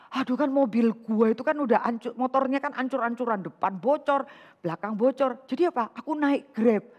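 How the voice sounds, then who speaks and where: Lazy excuse-making employee, put on by a woman preacher, apologetic and sheepish, high voice in a reverberant hall. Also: brisk, lo-fi sound, lightly acted.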